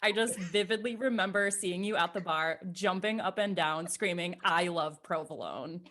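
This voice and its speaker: A woman's voice: lowish voice, moderate pace. A woman in her thirties co-hosting a podcast, animatedly telling stories among friends and laughing. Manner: animated storyteller, laughs while talking. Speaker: podcast co-host. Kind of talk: casual chat, storytelling.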